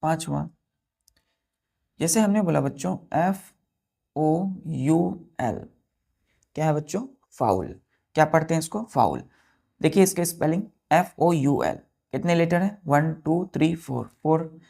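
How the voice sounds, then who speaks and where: Low gravelly woman teaching slowly. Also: warm tone. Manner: spells words letter by letter, repeats answers; asks the class questions and answers them herself. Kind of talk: classroom vocabulary lesson.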